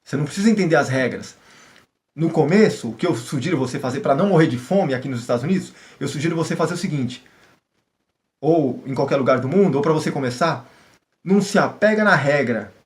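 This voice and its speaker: A man's voice: fairly high pitch, expressive, quick pace. A middle-aged Brazilian man with a Brazilian Portuguese accent who talks casually in a language-learning vlog, slipping English words into his examples and acting out small scenes. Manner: chatty, switches into English for examples, acts out little scenes.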